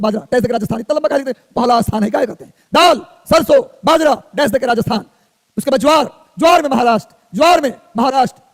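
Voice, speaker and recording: A man runs an energetic exam coaching lecture, drilling facts rapidly and repetitively in a sing-song list. His voice is extremely high-pitched and has a big-room sound.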